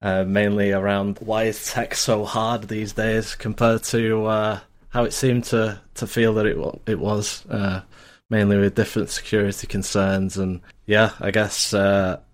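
A man in his twenties with a northern English accent, a guest on a casual podcast chat over an internet call, talking haltingly with many restarts. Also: on the low side, flat delivery. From North of England, Lancashire. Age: 20s. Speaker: podcast guest, IT support worker.

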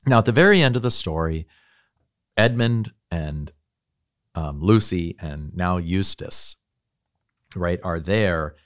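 A man's voice: low voice, animated, slow, pauses often, dry recording, studio quality. A man who teaches at a university, giving a thoughtful lecture on literature and faith and often checking in with tag questions.

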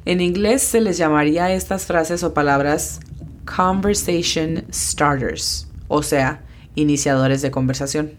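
A woman with a notably low voice leads a bilingual language lesson. She explains each sound patiently and slows right down when spelling letters out. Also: a little hiss or hum. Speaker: English teacher hosting a lesson podcast.

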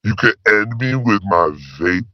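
The caller is a man doing a disguised, pitched-down voice as a laid-back slacker spy, rambling along in stoner slang for a comedy call-in bit. He takes his time, and the dull lo-fi phone audio has no echo.

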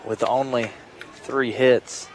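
A man offers conversational baseball analysis in a mid-pitched, fairly flat voice. A crowd is clearly audible behind him as he explains the plays. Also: takes it slowly, poor audio. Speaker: baseball color commentator. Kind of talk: live sports commentary, analysing plays. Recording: outdoor ballpark, crowd and music behind. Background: ballpark crowd and music.

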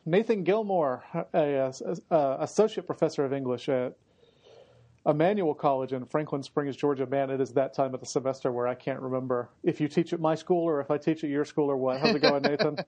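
A higher-voiced man hosts a casual podcast, teasing and joking as he goes. He is recorded on a built-in laptop mic, so he sounds boxy, as if he were talking from inside a barrel. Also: moderate pace, dark tone. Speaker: podcast host; English professor. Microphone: embedded laptop microphone instead of headset.

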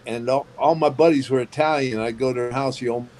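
A man's voice: mid-range voice, fairly quick, slight background noise, rough recording. A middle-aged man from Pennsylvania, a guest chatting easily in an interview, often tacking "man" onto his sentences. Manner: easygoing, relaxed, often ends phrases with "man". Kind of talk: casual interview chat.

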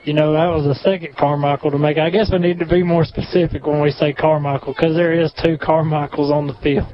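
A man giving chatty, analytical color commentary on a high school football game. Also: little pitch movement, brisk. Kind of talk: sports commentary. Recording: muffled lo-fi broadcast.

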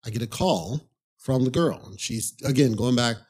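A man's voice: medium pitch, normal speed, a little mellow, slightly rough. A man hosting a podcast, telling a personal story in a casual, rambling monologue full of "you know" asides. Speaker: podcast host.

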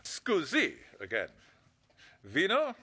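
An actor playing a playful husband who puts on a theatrical, purring, seductive Italian latin-lover voice in a drama. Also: male voice, fairly high pitch, huge pitch swings, slow pace, sharp tone, breathy edge, exaggerated voice. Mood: playful seduction. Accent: mock Italian.

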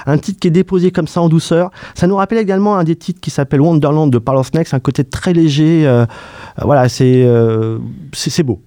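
A man's voice: fairly high pitch, brisk, mellow, dry recording, clean studio sound. A man hosting a radio music show, reviewing an album with effusive praise, many fillers and repeated superlatives. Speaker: radio host. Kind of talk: enthusiastic music review chat.

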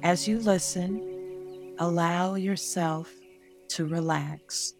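Slow, soothing woman guiding a meditation. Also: fairly low pitch. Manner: soothing, unhurried, pausing between short phrases. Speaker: podcast host. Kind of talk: guided meditation narration, like a sleep story. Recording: new-age music behind the voice. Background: calm new-age music.

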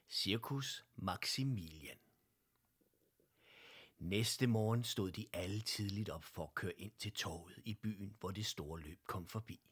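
Husky low-voiced man reading a storybook. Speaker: narrator. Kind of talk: children's audiobook reading.

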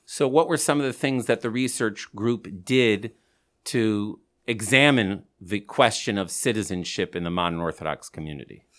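A man's voice: lowish voice, normal speed, fairly bright tone. A man hosting a podcast and interviewing, his voice slightly muffled by a face mask. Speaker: podcast host. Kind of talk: scripted podcast introduction and interviewing. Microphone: podcast microphone, through a face mask.

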